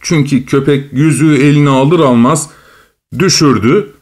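A man narrating a fairy tale as a storybook reading, measured and expressive. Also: a little high.

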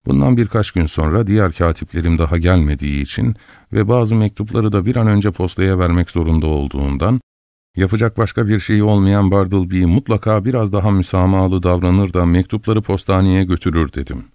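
A man reads an audiobook in a very low, deep voice. His telling is measured and expressive, in the first person. The recording is dry and close, with no room echo. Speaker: audiobook narrator. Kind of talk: scripted audiobook narration.

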